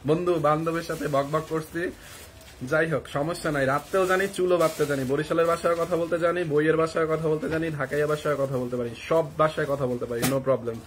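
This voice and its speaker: A young man from Barisal with a cold, hosting a live clothing sale in an excited, rapid hard-sell patter. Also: fairly high pitch, slight background noise. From Barisal, Bangladesh. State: has a cold. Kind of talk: live shopping sales pitch.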